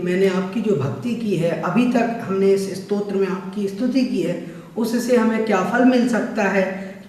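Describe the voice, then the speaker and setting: A man's voice: high voice, darkish tone. A man teaching an online scripture class, patiently explaining and repeating words to fix pronunciation. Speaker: religious teacher. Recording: echoey room, voice from far off.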